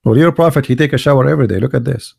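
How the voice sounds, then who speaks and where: A middle-aged man hosts a live religious debate podcast, mocking and sarcastic, speaking heavily accented English with broken grammar. His mid-range voice comes out rapid-fire, with vocal fry and a darkish, slightly rough tone.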